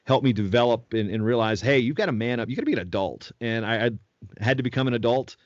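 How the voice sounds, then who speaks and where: A man's voice: medium pitch, quick pace, no room sound. A middle-aged man from Virginia, chatting in an interview and telling long rambling stories with many restarts. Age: 40s. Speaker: podcast guest. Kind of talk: casual conversational interview. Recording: dull lo-fi audio, dry sound.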